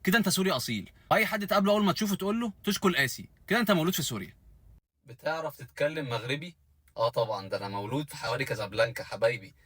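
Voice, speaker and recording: A man's voice: fairly high pitch, expressive, racing, fairly bright tone, slightly rough, no room sound. A man with an Egyptian accent doing a comedy sketch, mocking dialects by stretching his words and switching between put-on voices.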